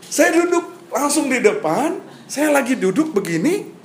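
A man from Papua telling a personal testimony story to an audience, dramatic, acting out scenes and swinging between loud bursts and hushed asides. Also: very high voice, big pitch swings, unhurried, reverberant. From Papua, Indonesia. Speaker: speaker giving a personal testimony.

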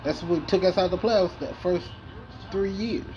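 A video game player with a somewhat high, darkish voice gives casual commentary on his game at a moderate pace, rambling, swearing freely and restarting sentences. A faint room hum sits behind him, and the highs are cut off.

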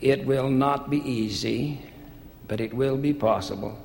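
A man reading a calm assuring mediator. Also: mid-range voice, a little slow, gravelly. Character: calm generous male friend who mediates. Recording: echoey hall with faint hiss.

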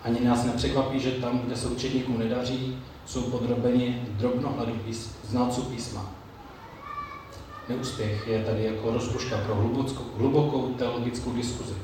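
Male preacher, measured sermon delivery, distant mic in a booming hall with a little ambience. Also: flat delivery, noisy background. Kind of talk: sermon with Bible reading. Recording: very echoey room, mic far off, faint ambience.

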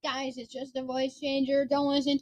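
Rambling, giggly high-voiced podcast host. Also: completely flat delivery, moderate pace, darkish tone. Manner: giggly, rambling, loses her train of thought. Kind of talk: casual chat.

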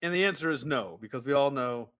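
A man's voice: medium pitch, animated, fast talker, fairly bright tone, no echo, clean studio sound. A man co-hosting a casual show, chiming in with joking asides. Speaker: podcast co-host. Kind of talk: casual chat.

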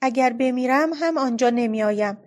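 A woman's voice: high-pitched, darkish tone, close to an everyday voice. A woman reading a worried little girl. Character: timid, worried young girl. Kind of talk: storybook reading.

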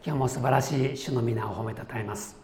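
A male pastor giving a sermon in a relaxed, chatty way, mixing folksy asides into his teaching. His voice is gravelly with a middle pitch. The room is echoey, with a faint hum of ambience behind him. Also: quick pace.

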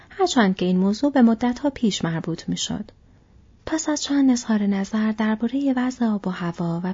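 A woman narrating an audiobook in a steady, measured reading voice. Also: medium pitch, slightly rough, lo-fi sound. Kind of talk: scripted narration.

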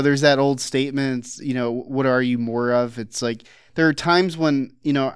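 A man's voice: mid-range voice, clear, resonant tone, dry recording, clean studio sound. A man co-hosting a casual podcast, rambling through his points with lots of fillers and restarts. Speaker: podcast co-host. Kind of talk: casual conversational podcast chat.

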